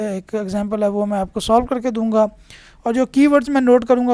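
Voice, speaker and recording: A man's voice: very high-pitched, mellow, no room sound. Man, exam prep tutor, slide tutorial narration, step-by-step, dry recording. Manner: methodical, step-by-step explaining.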